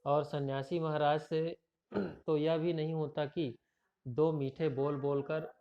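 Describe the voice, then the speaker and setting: A man's voice: a little high, flat delivery, slow. A male teacher reading a story aloud and explaining it, with frequent fillers and restarts. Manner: rambling with repeated fillers. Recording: dull lo-fi recording.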